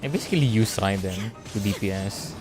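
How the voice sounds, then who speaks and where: A man from the Philippines with a Filipino accent thinks aloud during casual livestream game commentary, speaking fairly quickly in a fairly low voice. Video game music plays behind him.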